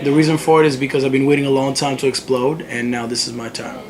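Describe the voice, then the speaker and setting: A man's voice: medium pitch, quick pace. A young male musician from the Congo, chatting casually in an interview and telling stories with lots of fillers. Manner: animated storytelling, frequent fillers. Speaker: musician guest. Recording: noisy crowd behind. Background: crowd chatter.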